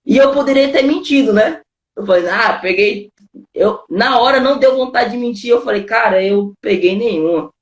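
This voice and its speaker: A man's voice: very high-pitched, moderate pace, reverberant. Brazilian pastor telling his story casually. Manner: informal storytelling, constant "cara" and "né" fillers. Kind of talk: casual testimony conversation.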